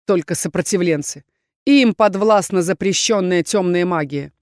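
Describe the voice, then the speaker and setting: A cold, stern dark elf man, as a woman reader puts him on in an audiobook, his words clipped and accusing. The voice sits close and dry with no room sound. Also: mid-range voice, animated, moderate pace, no room sound, close to an everyday voice. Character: cold suspicious male dark elf student.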